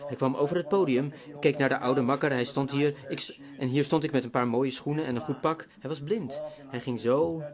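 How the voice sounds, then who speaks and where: A middle-aged man preaching a sermon as a story, swinging from hushed tones to loud cries. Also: on the high side.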